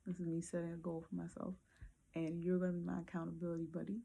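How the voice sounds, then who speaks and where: A woman talking casually to her viewers late at night before bed, thinking aloud with many pauses and fillers. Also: on the low side, completely flat delivery, creaky, warm tone, a little hiss or hum. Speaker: vlogger.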